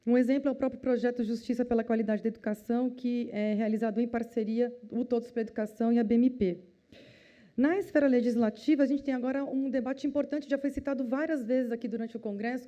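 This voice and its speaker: A woman opening a conference session with a formal speech and measured delivery, sometimes repeating words as she searches for them. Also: fairly high pitch, warm tone, highs cut off. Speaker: event host.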